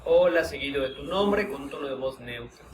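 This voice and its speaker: A man leading a live workshop, walking listeners through a guided mindfulness exercise in gentle, unhurried instructions with pauses. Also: fairly high pitch, lively intonation. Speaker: workshop leader. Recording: roomy hall sound, distant mic, background noise.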